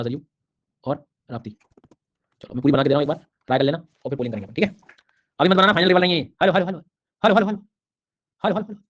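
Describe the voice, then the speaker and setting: Rapid-fire man drilling a live class. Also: mid-range voice, lo-fi sound. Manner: rapid drilling repetition, teasing students. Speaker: online exam-prep teacher. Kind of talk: live online geography class.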